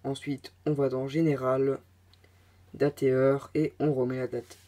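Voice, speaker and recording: Hesitant man with a mellow voice. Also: medium pitch, little pitch movement, measured pace. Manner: hesitant, many filler sounds, chatty asides. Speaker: tech tutorial presenter. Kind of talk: casual screen tutorial narration.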